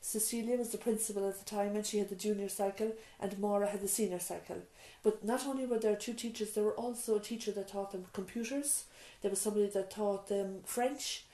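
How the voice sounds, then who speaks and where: Her medium-pitched voice stays fairly even as she talks briskly with few pauses, and the sound is reverberant. She is a middle-aged Irish nurse and mother in a small island surgery room, warmly telling her story in an interview, often restarting and dropping in asides and "you know".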